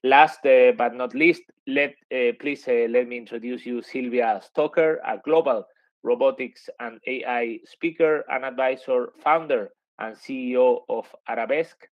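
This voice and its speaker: A man's voice: mid-range voice, normal speed, no echo. A man moderating a webinar, introducing speakers and asking questions with many hesitant fillers. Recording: dry, dull lo-fi sound.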